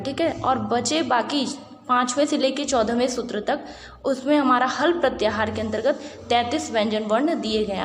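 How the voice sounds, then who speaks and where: A woman teaching a Sanskrit grammar lesson, patient and methodical, often asking rhetorical questions and checking in with her listeners. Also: a little high. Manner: patient, repeats "ठीक है" and asks rhetorical questions. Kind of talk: online lecture explaining grammar. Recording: echoey room with faint background hiss.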